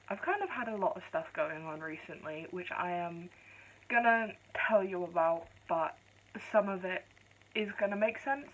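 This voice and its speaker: A woman talks quietly and chattily to her vlog viewers, her thoughts rambling from one thing to the next. Her voice sits at an ordinary pitch. The sound comes through a phone camera and is dull and lo-fi. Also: slight background noise. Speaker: vlogger. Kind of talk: casual vlog chat. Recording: lo-fi phone audio.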